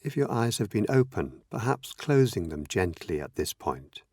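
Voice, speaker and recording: A meditation teacher with a fairly low, slightly breathy voice guides a session in a close, dry recording with no echo. He speaks gently and measuredly, his pitch rising and falling lively, and leaves long pauses between slow, simple instructions.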